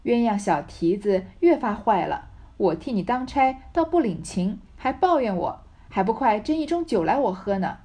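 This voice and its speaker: A woman reading the lines of a bossy, witty young noble lady who runs the household, in a brisk, teasing manner. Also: mid-range voice, big pitch swings, dark tone.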